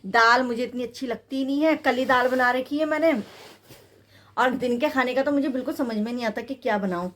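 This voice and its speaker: A young woman with a slightly high voice, chatting to the camera in a casual daily vlog. She talks easily and at length about her day and her baby son while she cooks and cleans. She records at home in her kitchen. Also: brisk, fairly bright tone. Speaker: vlogger and mother.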